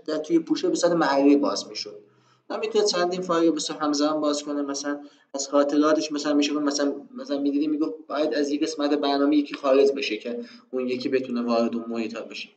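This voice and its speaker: A man's voice: fairly high pitch, dull audio. Man teaching databases in an echoey room. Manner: conversational, rhetorical self-questions, frequent fillers. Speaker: programming instructor. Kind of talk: screen-recorded tutorial explanation.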